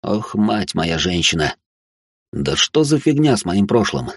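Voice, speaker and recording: Guy reading an audiobook in first person, wry chatty tone, low husky voice. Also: very animated, a little slow, dry recording, clean studio sound. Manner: wry, conversational inner monologue. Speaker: audiobook narrator. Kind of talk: first-person novel narration.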